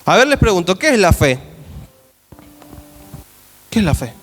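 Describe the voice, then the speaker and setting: A man pastor with a Rioplatense Spanish accent preaches emphatically, often throwing questions to his congregation. His voice sits high, and a long church-hall reverb trails every phrase. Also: big pitch swings, measured pace, fairly bright tone. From Argentina. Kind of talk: sermon.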